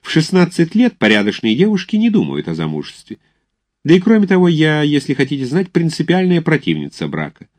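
A man's voice: fairly high pitch, huge pitch swings, a little fast, a little mellow, voice pushed up. A man voicing a proud, coquettish sixteen-year-old girl who talks in a haughty, teasing way, in a read-aloud story.

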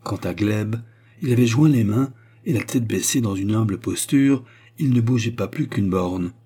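Male audiobook narrator, low, mellow, husky, measured delivery. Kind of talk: audiobook reading.

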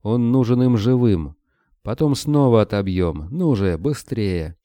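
A man's voice: fairly low pitch, lively intonation, unhurried, mellow, dry recording, pitched above the performer's own voice. A man voicing a hot-tempered bearded man who barks harsh orders. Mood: shouting.

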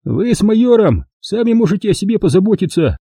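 A blunt, businesslike crook who lays out terms plainly and cuts others off, as the male narrator plays him. The tone is dark and husky, a touch higher than a plain speaking voice, recorded dry and close. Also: very animated, fairly quick, no room sound, exaggerated voice.

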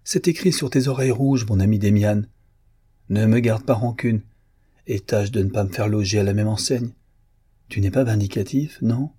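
A man's voice: fairly low pitch, moderate pace, mellow, slightly rough, dry recording, clean studio sound. A man reading the part of a cheerful young man teasing his friend in an audiobook, bantering in a mock-solemn way.

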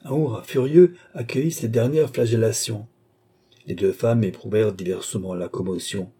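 Dark, husky male audiobook narrator. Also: on the low side, normal speed. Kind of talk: audiobook narration of a classic novel.

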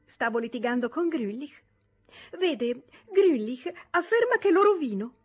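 A woman voicing a lively, indignant young wife in a storybook reading. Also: sits high, a little slow, husky, voice pushed up, full character voice.

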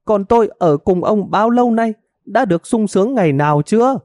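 A shrill, hot-tempered middle-aged village wife, as a male narrator puts her on, nagging and wailing in a high, piercing voice. Her pitch leaps about wildly over a dark, mellow tone, heard up close in a dry recording. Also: expressive, fairly quick, no room sound. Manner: scolding, wailing melodramatically.

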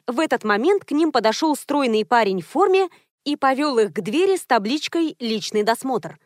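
A woman narrates a first-person audiobook in a lively, wry storytelling manner. Her voice sits somewhat high. The recording is dry and close, with no room sound. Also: brisk, dry recording.

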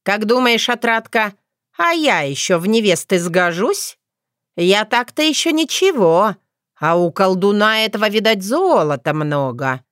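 Old witch grandmother done by a woman, cheeky, bossy, folksy, lively intonation, dry close sound. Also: mid-range voice, unhurried, no echo, voice pushed up. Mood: teasing. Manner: teasing, giggly, folksy.

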